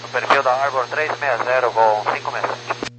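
A man's voice: mid-range voice, steady tone, moderate pace. A Brazilian man speaking as an airline pilot, giving clipped readbacks over aviation radio. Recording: noisy humming cockpit radio.

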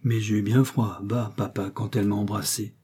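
A man reading aloud, voicing a small, solemn boy who speaks gravely. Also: on the low side, little pitch movement, normal speed, mellow. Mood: earnest.

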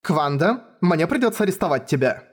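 A man's voice: a little high, big pitch swings, moderate pace, voice pushed up. A man voicing a firm, practical woman mayor who asks stern, clipped questions.

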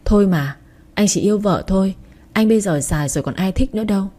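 A young husband coaxing his upset wife, voiced by a woman reader. Soft and placating, with a husky, mellow tone. Audiobook character voice. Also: mid-range voice, fairly quick, lightly acted. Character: young husband, patient and teasing.

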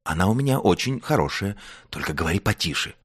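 A man voicing a shy, gentle little bear cub in a storybook, gruff and a little sad. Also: low voice, sing-song, fast, dry recording, studio quality, pitched above the performer's own voice, heavily acted. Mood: friendly. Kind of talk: storybook reading.

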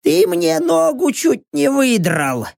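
A man voicing an injured, foul-mouthed old male mechanic who groans and yells curses in a strained, raised voice. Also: very high voice, wildly swooping pitch, takes it slowly, vocal fry, no echo, studio quality, pitched above the performer's own voice, heavily acted. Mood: groaning.

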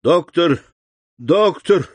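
A man's voice: mid-range voice, takes it slowly, warm tone, dry recording. A man voicing a dying elderly male servant who gasps and pleads in a strained, choking voice, in an audiobook reading. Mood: anguished. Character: dying old male servant in agony, gasping.

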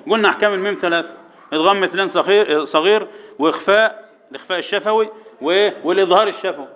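Egyptian man drilling tajweed, dull recording. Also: high voice. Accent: Egyptian Arabic. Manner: drills students with questions, chants verses slowly. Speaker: Quran recitation teacher. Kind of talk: tajweed lesson to boys.

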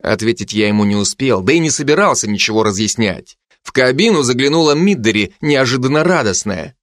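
Steady male audiobook narrator, dry. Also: medium pitch, fairly quick, dry recording. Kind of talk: first-person fantasy audiobook reading.

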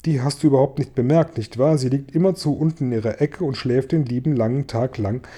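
A man doing a sharp, excitable old grasshopper. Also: mid-range voice, brisk, breathy edge, lightly acted. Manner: sharp, eager.

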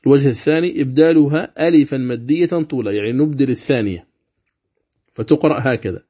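A male teacher giving a religious lesson on recitation, explaining each rule step by step between slow, drawn-out recited examples. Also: mid-range voice, dark tone, dull audio.

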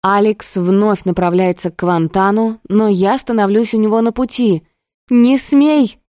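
An audiobook narrator reads a novel aloud in scripted first-person narration, her mellow, mid-range voice keeping fairly even intonation at a moderate pace. The recording is dry with clean studio sound.

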